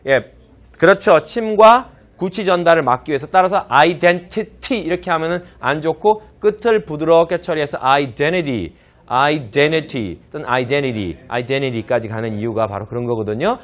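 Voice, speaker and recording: A man teaching English pronunciation in a classroom lecture, explaining patiently, modelling words slowly and asking the class to repeat after him. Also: a little high, big pitch swings.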